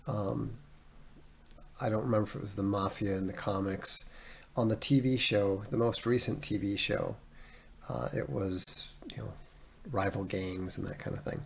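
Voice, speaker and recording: A man's voice: lowish voice, fairly even intonation, normal speed, vocal fry, a little hiss or hum. A man hosting his own livestream, talking casually and rambling with frequent fillers and restarts. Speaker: livestream host. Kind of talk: casual solo livestream talk.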